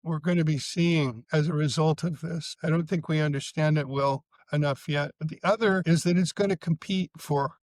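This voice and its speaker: A man guest talking thoughtfully and measuredly in a casual podcast conversation, slowing down on key points. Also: fairly high pitch, steady tone, no room sound. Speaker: psychotherapist guest.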